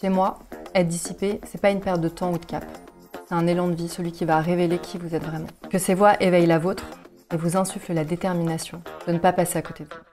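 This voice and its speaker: A woman reading a scripted podcast intro in an even, read-out manner. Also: on the low side, fast. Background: music.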